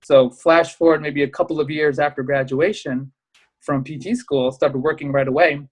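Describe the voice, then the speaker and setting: A man in his thirties, born in Pakistan and raised in the US, talking as a podcast guest in a casual, animated way with fillers. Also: fairly high pitch, breathy edge. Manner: animated, rapid storytelling with fillers. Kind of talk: casual interview chat.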